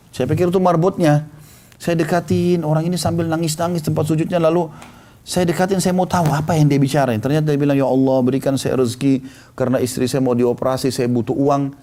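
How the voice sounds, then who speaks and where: A middle-aged man preaching, telling a story and acting out the voices of the people in it. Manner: lively storyteller acting out quoted voices, pitch rising and falling. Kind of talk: storytelling sermon.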